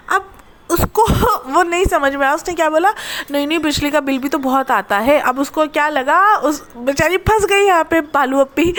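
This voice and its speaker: A woman vlogger giving gossipy reaction commentary in a sarcastic, teasing manner. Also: sits high. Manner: sarcastic, teasing, mocks others.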